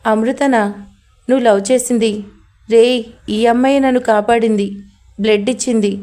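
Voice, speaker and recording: A concerned, kindly middle-aged father, as a woman narrator puts him on. He questions gently and explains patiently, in a voice pitched a little high. It belongs to a spoken love story. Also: fairly even intonation, normal speed, natural voice. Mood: explaining.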